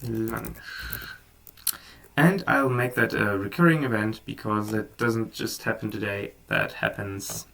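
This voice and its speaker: In a screen-recorded software tutorial, a German man with a gravelly, creaky voice talks through the steps in a loose, unscripted way, with plenty of ums and small restarts. He sits slightly back from the mic, giving his fairly low voice some distance, and he keeps a measured pace over a faint hiss or hum.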